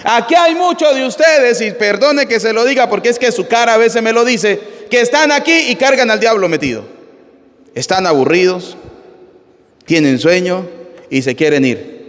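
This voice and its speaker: High-pitched guy priest giving a sermon, blunt, asks the crowd questions all the time, big echoey church. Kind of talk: live sermon on the Gospel. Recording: reverberant church hall.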